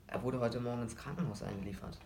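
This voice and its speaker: A man voicing a worried, protective mother who speaks gently and anxiously. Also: medium pitch, steady tone, fast, vocal fry, a little hiss or hum, close to an everyday voice.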